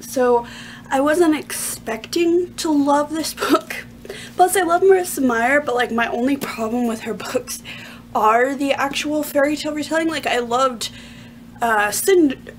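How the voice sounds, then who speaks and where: A woman's voice: sits high, slight background noise. A young woman reviewing a book for her vlog, chatty and gushing, laughing often and filling gaps with "like".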